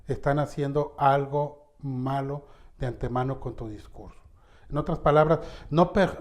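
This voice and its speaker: A man teaching a lesson on public speaking, addressing the listener directly and shifting his loudness for emphasis. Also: mid-range voice.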